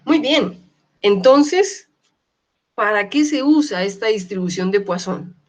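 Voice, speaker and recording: A woman lecturer teaching an online class, often checking in with her students and slowly repeating key words. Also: mid-range voice, expressive, a little mellow. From Colombia. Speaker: university lecturer.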